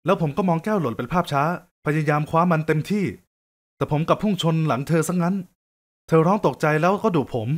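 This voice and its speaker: Upbeat male storyteller with a fairly high voice; casual, joking first-person narration. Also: fairly quick. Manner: lively, joking, conversational.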